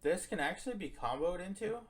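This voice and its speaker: A man giving casual gameplay commentary, explaining fighting game moves and then swearing loudly when a match goes badly. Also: sits high, animated, a little fast. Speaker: gaming YouTuber.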